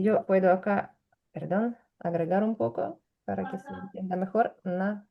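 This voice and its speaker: A woman's voice: lowish voice, warm tone. A woman teaching a language lesson, patiently explaining and repeating examples.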